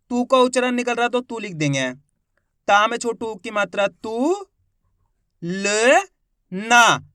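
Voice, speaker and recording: A man's voice: very high-pitched, bright, forceful tone, clean tone, no room sound, studio quality. A man teaching beginners to read Hindi. He sounds out each word syllable by syllable, repeats it, and quizzes the learner in an encouraging way. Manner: encouraging, asks the learner questions. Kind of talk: spoken reading lesson for beginners.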